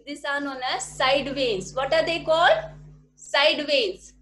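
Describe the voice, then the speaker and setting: A woman's voice: high-pitched, slow, a bit bright. A woman, teaching an online class from a small room at home, patiently repeating questions to check that her pupils follow. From India. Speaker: primary school teacher. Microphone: laptop webcam mic at desk. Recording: echoey room audio from a video call.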